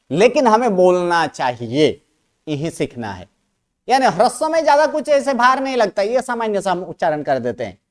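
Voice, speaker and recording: A male teacher giving a classroom lecture. His pitch rises and falls a great deal, and he speaks at an unhurried pace. He keeps asking his class questions and going back over each point. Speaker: Sanskrit grammar teacher. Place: classroom, writing on a board.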